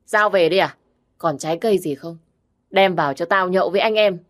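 A woman's voice: fairly low pitch, brisk, natural voice. A woman voicing a drunk, abusive older brother who talks in a slurred drawl. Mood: bossy.

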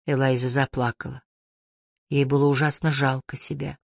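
A woman's voice: very deep voice, flat delivery, moderate pace, creaky, no echo. Woman reading a novel, dry close sound. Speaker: audiobook narrator. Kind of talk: literary audiobook narration.

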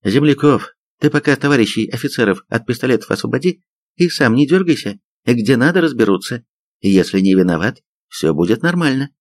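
A man's voice: medium pitch, lively intonation, a little fast, no room sound, voice pushed up, lightly acted. A man voicing a young female army sergeant who shrieks commands in an audiobook. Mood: shrill commanding.

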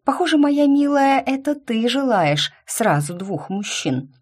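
A woman's voice: on the high side, very animated, measured pace, husky, voice pushed up, heavily acted. A woman reading an audiobook and voicing a sarcastic young female battle mage, drawing out her mocking lines. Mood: taunting.

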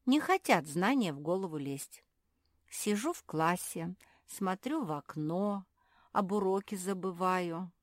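A woman voicing an impulsive young female dog, a schoolgirl, in a storybook reading, speaking eagerly and briskly. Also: fairly low pitch, animated, no echo, studio quality, voice pushed up.

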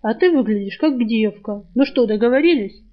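A woman voicing a sly, sharp-tongued male talking rat in an audiobook, mocking and quick with insults. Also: fairly high pitch, lively intonation, dull audio, natural voice.

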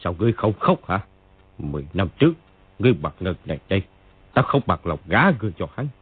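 Casting: a bitter, unhinged old stranger, raspy, low, swinging wildly in pitch; tinny dry recording. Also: male voice, sing-song, a little fast, dry recording. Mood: raging. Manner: brooding, bursts into angry shouts. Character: grief-crazed old male stranger, bitter and wild. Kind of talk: audiobook character voice.

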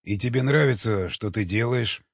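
A man reading an audiobook, voicing a cynical, mocking cannibal who teases and calmly questions. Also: on the low side, normal speed, breathy edge, no room sound. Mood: cool questioning. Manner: sardonic, teasing, calmly questioning. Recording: dull lo-fi recording.

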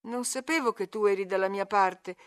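A woman's voice: medium pitch, moderate pace, close to an everyday voice. A woman reading aloud, voicing a petulant, teasing young woman who turns pleading with her cousin. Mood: tearful. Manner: needling, then tearfully pleading.

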